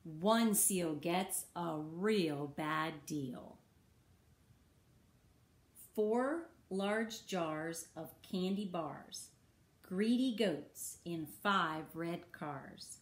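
A woman reading a rhyming picture book aloud for children in a slow, rhythmic sing-song. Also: lowish voice, lively intonation. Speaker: children's story reader. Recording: roomy echo.

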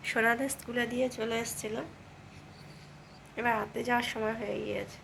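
A woman's voice: fairly high pitch, fairly even intonation, fairly quick, creaky. A woman in her thirties with a Bengali accent and a cold, chatting casually in a home vlog and cooing at her pet rabbit. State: stuffy with a cold. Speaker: vlogger. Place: home room. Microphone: handheld phone. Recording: noisy home recording.

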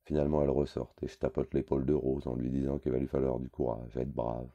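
A man's voice: rumbling low, flat delivery, quick pace, vocal fry, warm tone, muffled recording. A man reading a novel aloud in first person, with wry, conversational storytelling. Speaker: audiobook reader.

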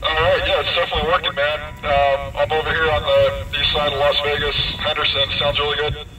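A man speaks over a CB radio, his voice sitting somewhat high for a man. He talks in an easygoing, friendly radio-chat way and calls people man. The transmission is full of clear static and noise. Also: flat delivery, a little fast. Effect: heard over a CB radio. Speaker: CB radio operator giving a radio check.

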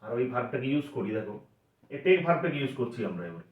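A man's voice: mid-range voice, sing-song, quick pace. A man teaching an English grammar lesson, patiently asking questions and then answering them himself. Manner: patient, asks and answers his own questions. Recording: echoey room, voice from a distance, dull sound.

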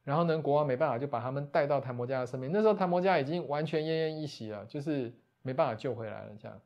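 A man, a Buddhist monastic teacher retelling a scripture story as a lecture, often closing phrases with soft tags. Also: medium pitch, very fast, dull audio.

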